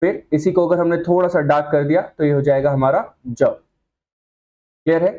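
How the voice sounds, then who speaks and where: On a lo-fi recording, a man whose warm voice sits on the high side, with fairly even intonation, teaches shorthand at a whiteboard. He's patient, checking understanding with repeated questions and spelling out example sounds slowly.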